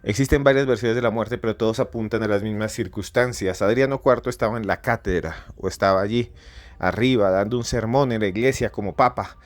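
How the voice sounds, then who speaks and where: Low-voiced man telling a dramatic tale. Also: fairly quick, no echo. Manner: theatrical, repetitive build-ups, rises to near-shouting in climaxes. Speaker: podcast host. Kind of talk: dramatic storytelling narration.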